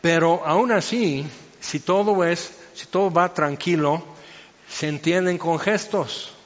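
A man's voice: on the high side, slow, big-room sound, muffled recording. A man giving informal Bible teaching, chatty and storytelling, full of fillers.

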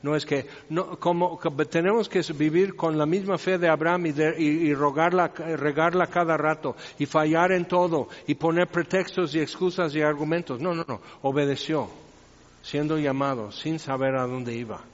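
Wry higher-voiced male preacher in a hall. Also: steady tone, moderate pace. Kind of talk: sermon. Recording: reverberant hall, dull lo-fi sound.

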